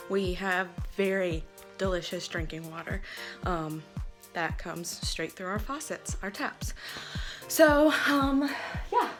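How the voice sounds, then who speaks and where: A woman in her thirties from the States, chatting casually in a home vlog and filling pauses with "um". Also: fairly low pitch, a bit bright, faint music behind. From Southern US. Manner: chatty, frequent "um" fillers. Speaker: family vlogger.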